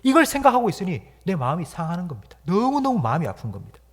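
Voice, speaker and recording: A man pastor preaching a sermon, swinging from soft, low lines to loud swells and acting out inner voices in quoted speech. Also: wildly swooping pitch, fast. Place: church.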